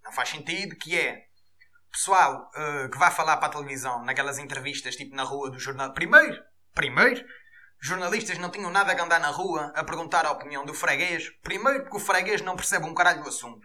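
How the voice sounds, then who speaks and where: A man with a European Portuguese accent hosting a podcast, delivering an animated, profane comic rant. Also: fairly high pitch, fast talker. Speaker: podcast host.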